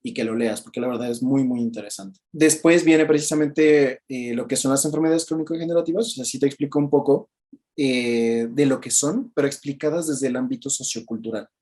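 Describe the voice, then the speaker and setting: A man with a Mexican Spanish accent gives a chatty, casual book commentary, keeps asking "¿no?" and jumps up in pitch to act out quoted people. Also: brisk, a little mellow. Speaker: book reviewer.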